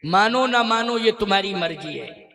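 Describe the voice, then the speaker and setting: High, bright-voiced man preaching slowly. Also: lively intonation, vocal fry. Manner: exhorting, emphatic, repeats phrases. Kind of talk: devotional sermon with chanted verses.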